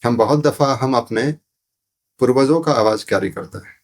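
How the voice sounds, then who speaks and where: Speaking at a moderate pace in a mid-range voice, a man explains spiritual concepts as a guest on a podcast. He teaches sound therapy, and his interview style is didactic, full of repeated phrases and rhetorical questions.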